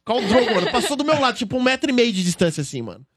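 Brazilian male co-host, high and very animated, slangy storyteller, dry mic with faint music. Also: rapid-fire. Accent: Brazilian Portuguese. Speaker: show host. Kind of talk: casual chat.

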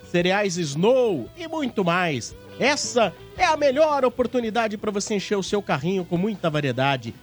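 Brazilian radio guy reading sponsor spots, high voice, swings up and down, faint music. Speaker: radio host. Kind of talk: radio presenting and sponsor reads.

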